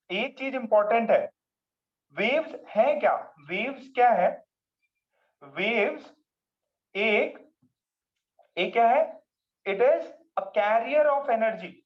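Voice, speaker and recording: Man teaching physics, muffled lo-fi sound. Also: high voice. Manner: asks the class questions and answers them himself, repeating key words. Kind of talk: classroom lecture in mixed Hindi and English. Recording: muffled lo-fi recording.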